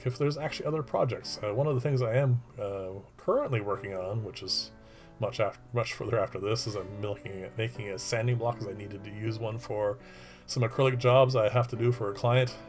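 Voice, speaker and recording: A middle-aged man presenting a casual woodworking voice-over in a monotone, droning, rambling and hesitant way. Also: mid-range voice. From Canada.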